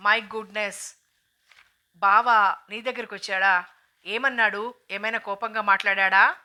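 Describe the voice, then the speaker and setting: Woman reading a brisk, outspoken young woman. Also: mid-range voice, little pitch movement, bright, forceful tone. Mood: scolding. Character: lively outspoken young woman, teasing sister-in-law.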